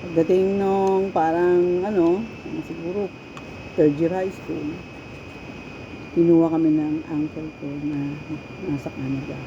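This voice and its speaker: A middle-aged woman from the Philippines telling stories from her life in a casual, animated way, often laughing and acting out quoted lines. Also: lowish voice, measured pace. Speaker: storyteller sharing her life. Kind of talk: casual personal storytelling. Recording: dull, lo-fi with faint background noise.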